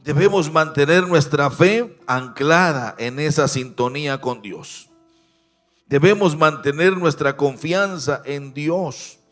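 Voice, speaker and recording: A man preaching a Spanish-language church sermon. He swings between loud emphasis and quiet, near-whispered appeals to the congregation. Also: on the high side. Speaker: pastor.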